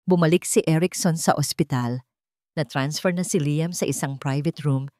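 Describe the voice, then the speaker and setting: This woman, who has a Filipino accent, reads a scripted dramatic story in the role of storyteller. Her voice is low and somewhat dark, moving at a moderate pace, and the recording is dry and studio quality.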